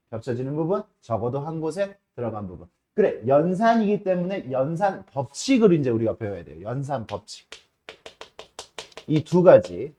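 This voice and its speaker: A man's voice: on the high side, warm tone. Casual man teaching math. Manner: casual, asks students frequent checking questions; slows down and stresses key terms. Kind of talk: classroom lecture.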